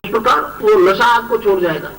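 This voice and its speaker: A man's voice: high voice, fairly quick, gravelly, fairly bright tone, recorded from a distance, a little hiss or hum, rough recording. A man, a spiritual guru, giving an emphatic storytelling sermon that repeats its points.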